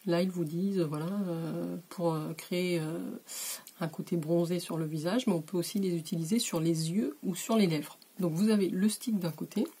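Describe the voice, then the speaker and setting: A woman in her bedroom giving a relaxed, chatty makeup tutorial, with many hesitations, sometimes dropping to a whisper while she applies product. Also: fairly low pitch, normal speed, husky. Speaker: beauty vlogger. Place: warm bedroom.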